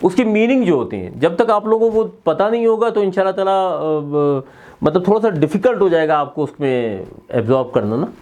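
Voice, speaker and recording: A man with a high-pitched voice teaches a lesson in a relaxed, explaining tone. He spells out each word letter by letter and slips English terms into his sentences. His talk has small hesitations and restarts as he goes. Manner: addresses viewers politely as students. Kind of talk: classroom explanation.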